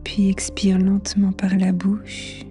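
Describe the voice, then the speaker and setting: A woman guides a meditation very slowly over faint new-age music. Her voice is soft, mellow and half-whispered, and she leaves long, soothing pauses between short phrases. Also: mid-range voice, completely flat delivery. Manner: slow, hushed, soothing delivery with long pauses.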